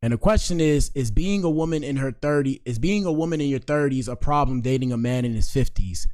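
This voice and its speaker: A man's voice: medium pitch, brisk, no echo. Chatty young man hosting a livestream. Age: 20s. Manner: chatty, addresses chat with shout-outs. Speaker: livestream host. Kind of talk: casual livestream commentary.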